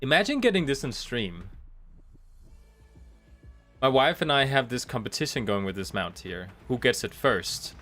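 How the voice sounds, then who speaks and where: Rain falls outside the home room where this man streams a game, his nasal voice betraying a slight cold. His medium-pitched delivery is sing-song and sharp, moving at a moderate pace with long pauses, and faint music sits behind it. The commentary is casual and rambling, full of thinking aloud and restarts.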